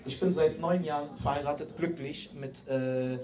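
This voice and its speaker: A man's voice: on the high side, steady tone, moderate pace, background noise. A man in his late twenties doing stand-up comedy on stage, chatty and talking straight to the crowd. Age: late 20s. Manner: chatty, many fillers and restarts, addresses the crowd. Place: stage in a hall. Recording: echoey hall, mic far off, crowd laughing.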